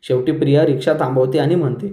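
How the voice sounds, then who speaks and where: A man hosting a serial review, retelling the episode scene by scene in a brisk storytelling manner. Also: fairly high pitch, fairly even intonation, dark tone. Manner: brisk storyteller who briefly lifts his voice for quoted lines. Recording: roomy echo.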